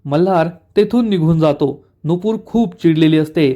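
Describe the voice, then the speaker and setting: High-voiced man retelling a serial episode. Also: moderate pace. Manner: steady retelling that reads out each character's lines. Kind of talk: storytelling recap of a TV serial episode.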